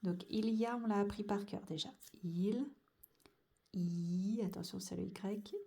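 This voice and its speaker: A woman teacher giving a slow dictation lesson to young children, stretching out each sound and syllable with care. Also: mid-range voice, fairly even intonation, gravelly, mellow.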